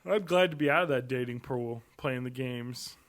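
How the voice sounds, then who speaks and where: A man's voice: mid-range voice, moderate pace, fairly bright tone. A man in his thirties co-hosting a podcast, agreeable and joking, chiming in often with short replies. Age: 30s. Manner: agreeable, joking, frequent backchannels and laughs. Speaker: podcast co-host. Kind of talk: casual chat.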